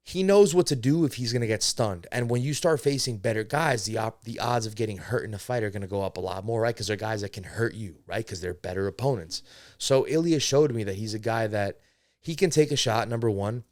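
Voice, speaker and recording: Clean studio sound without echo captures a young man of medium pitch hosting a solo podcast. Spanish-born and American-raised, he rambles casually, swears freely, and acknowledges when he goes off on tangents.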